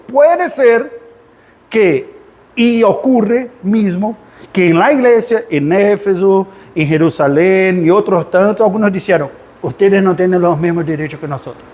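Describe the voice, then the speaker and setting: A man with a notably high voice leads a church Bible class. He teaches in a lively, animated way and keeps asking the room rhetorical questions. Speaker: Sunday school teacher.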